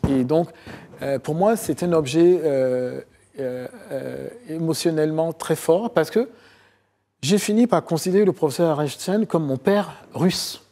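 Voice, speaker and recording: Husky-voiced man telling his research story. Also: fairly high pitch, a little slow, warm tone. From Côte d'Ivoire. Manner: long storytelling answers with many hesitations and repeated phrases. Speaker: historian and author guest. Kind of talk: TV interview, recounting his research.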